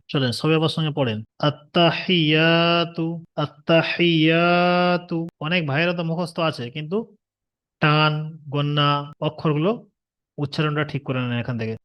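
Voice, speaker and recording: A man with a Bengali accent teaching a prayer recitation online, getting the class to repeat after him and chanting the Arabic slowly in a melody. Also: fairly high pitch, highs cut off.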